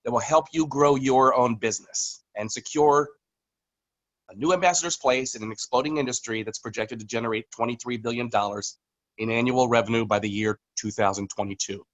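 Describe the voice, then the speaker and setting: A man's voice: mid-range voice, fairly quick, fairly bright tone, poor audio. A man, a company communications executive, giving a casual, rambling business update on a video call, with many fillers and restarts.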